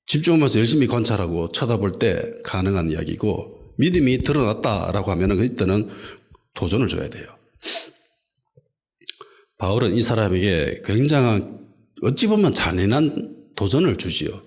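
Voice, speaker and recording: A man preaching a sermon as pastor, asking the congregation rhetorical questions and swinging between loud calls and quiet asides. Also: lowish voice, very animated, moderate pace. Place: church sanctuary.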